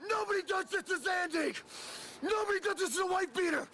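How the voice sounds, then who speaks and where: A man shouting a furious wrestling promo, heard from old footage re-recorded through a speaker. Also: extremely high pitch, a little fast. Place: loud underpass. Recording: echoey hall, mic far off, noisy.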